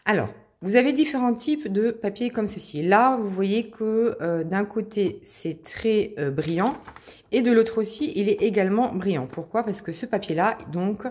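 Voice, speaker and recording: A woman's voice: medium pitch, moderate pace, a little mellow. A middle-aged woman hosts a craft tutorial in an easygoing voice. She explains as she goes, with frequent hesitations and restarts. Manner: chatty, many hesitations and restarts. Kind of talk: casual how-to explanation.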